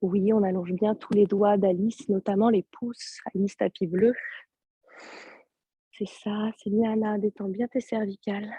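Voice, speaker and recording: A husky, mellow-voiced woman leads a yoga class over a video call, her throat a little sore. She speaks softly and calmly, cueing each movement and breath step by step. The sound is close and dry. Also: mid-range voice, measured pace, no echo. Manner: soft-spoken, calm step-by-step cues. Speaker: yoga teacher. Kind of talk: guided yoga class instruction.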